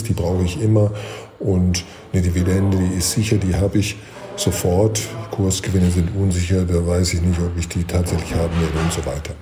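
A man, a guest expert, explaining investing in a measured way, with many fillers and restarts. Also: low voice, warm tone. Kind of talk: explanatory podcast talk.

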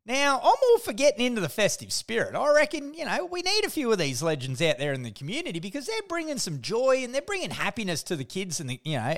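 A man's voice: high voice, fairly bright tone. An Australian man hosting a casual comedic podcast with slangy, sweary, blokey tradesman banter. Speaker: podcast host.

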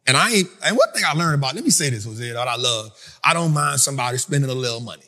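A man hosting a finance talk for a live audience, in a casual, animated storytelling style that acts out other people. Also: mid-range voice, quick pace, big-room sound. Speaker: finance speaker and host. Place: event venue with an audience.

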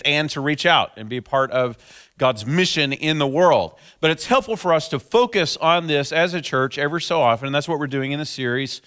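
A pastor preaching a sermon at a pulpit microphone, earnest and steady, building points through repeated phrases. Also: male voice, fairly high pitch.

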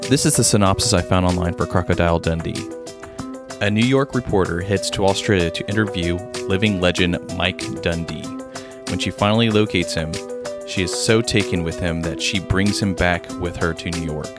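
A man co-hosting a casual movie podcast, playfully reading out summaries and fun facts with quick asides. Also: sits low, over music. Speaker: podcast co-host.

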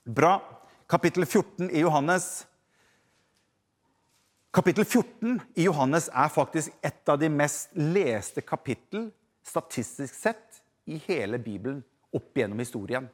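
A man preaching a sermon who addresses the congregation directly, swinging between loud emphasis and hushed passages. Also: a little high, expressive.

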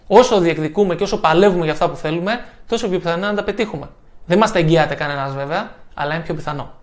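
A young man, a self-improvement coach, giving an energetic motivational talk and acting out his examples by changing his tone and loudness. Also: high voice.

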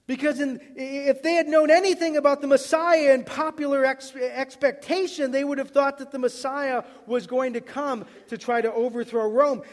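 A man preaching a sermon as a pastor, emphatic and repetitive, swinging between loud cries and soft, hushed lines. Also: very high voice. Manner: emphatic, repeats words, builds to loud cries then drops soft. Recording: long reverb of a hall.

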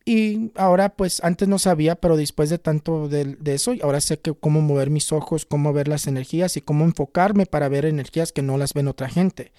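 A man in his twenties, a tarot reader and spiritual healer, telling a personal story in an earnest, unhurried way with frequent restarts. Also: fairly high pitch, steady tone, warm tone, no echo, studio quality. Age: 20s. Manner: earnest, unhurried, often restarts and repeats words. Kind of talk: casual personal storytelling to camera.

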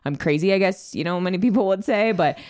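A young woman with a low-pitched voice co-hosts a fitness podcast. She talks casually and easily, with plenty of fillers. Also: fast, darkish tone. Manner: chatty, lots of fillers like "like" and "um". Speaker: podcast co-host, fitness coach. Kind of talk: casual chat.

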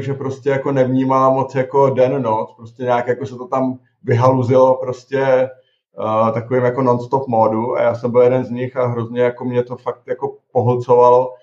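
A middle-aged man answers interview questions in a loose, halting way, full of fillers and restarted phrases. His delivery stays flat with little rise and fall. The recording is muffled and echoes around the room. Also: mid-range voice. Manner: hesitant, many fillers and restarts. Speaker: tech executive guest. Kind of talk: casual interview talk. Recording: dull, roomy recording.

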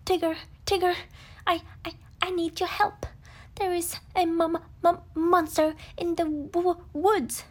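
A woman's voice: extremely high pitch, level tone, measured pace, pitched above the performer's own voice. A woman voicing a small, timid piglet who stammers in panic. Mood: terrified. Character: small, timid, easily frightened male piglet.

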